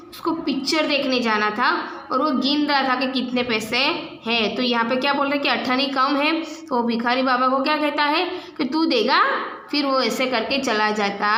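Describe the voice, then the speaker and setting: A woman teacher with a high, bright voice retells a class story and walks through it step by step. She keeps asking rhetorical questions as she goes. The room is echoey, with a faint hiss. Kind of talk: retelling and explaining a lesson story.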